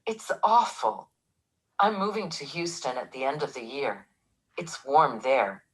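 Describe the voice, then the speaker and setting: A woman's voice: deep voice, very animated, unhurried, husky, exaggerated voice, poor audio. A woman playing a gloomy woman who complains about cold winters, in a scripted textbook dialogue recording. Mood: complaining.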